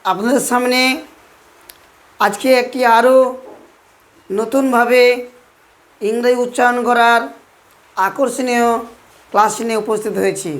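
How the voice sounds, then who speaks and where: A man teaching English pronunciation in a video lesson, slowly spelling out letters one at a time. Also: very high-pitched, steady tone, fairly bright tone.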